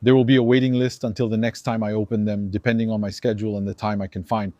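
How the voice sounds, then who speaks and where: Fast and fairly low, the Algerian commentator acts out dialogues in an animated, emphatic opinion monologue aimed at his viewers. The audio is dull but has no echo.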